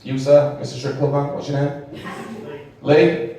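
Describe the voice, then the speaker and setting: A man's voice: on the high side, level tone, a little slow, dark tone. Young guy doing stand-up, chatty and a bit sweary, very echoey room, mic a bit far off. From England. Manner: chatty, rambling, swears, teases the audience. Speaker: stand-up comedian. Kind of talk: stand-up set with crowd work. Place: small comedy venue with a live audience. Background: audience laughter.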